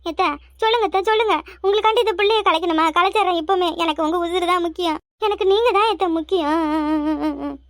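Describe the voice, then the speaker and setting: A woman's voice: extremely high pitch, fairly quick, a bit bright, dry recording, studio quality. A woman voicing a tearful, pregnant young daughter-in-law in a cartoon, speaking with a Kanyakumari Tamil accent in a wailing, pleading manner. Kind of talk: cartoon voice acting.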